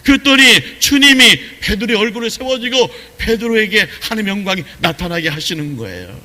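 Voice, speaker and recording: A male pastor delivering a Sunday sermon, asking questions and repeating phrases, dropping low and quiet, then rising to stress a point. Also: lively intonation, fairly quick, in a large hall. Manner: preaching with rhetorical questions and repetition, swings from low and quiet to raised. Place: church sanctuary.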